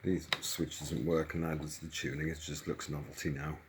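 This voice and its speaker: Speaking fairly quickly in a flat, low-pitched voice, a man gives an informal hands-on demonstration like a hobbyist presenter, thinking aloud as he explains. A faint noise sits under his voice.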